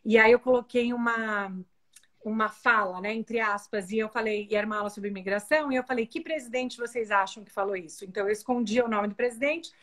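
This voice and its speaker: A woman's voice: fairly high pitch, a little fast, fairly bright tone. A woman from Brazil, a university professor, telling a classroom story in a casual video chat.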